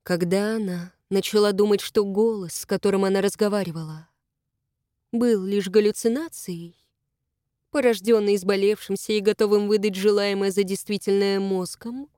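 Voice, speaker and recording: A woman narrating an audiobook in an even, measured reading. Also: mid-range voice, no echo, clean studio sound. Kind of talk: scripted narration.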